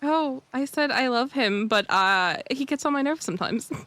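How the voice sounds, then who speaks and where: Giggly woman in lively roleplay chat. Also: high-pitched, moderate pace, no room sound. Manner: giggly, stammering restarts. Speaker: roleplay server player and channel host.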